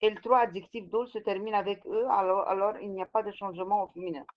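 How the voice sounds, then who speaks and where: A woman teaching French with an Egyptian Arabic accent, switching between French and Arabic and adding English glosses as she explains slowly and repeats herself. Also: mid-range voice, fairly even intonation. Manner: slow, repetitive explaining. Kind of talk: classroom lesson. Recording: slightly dull lo-fi recording.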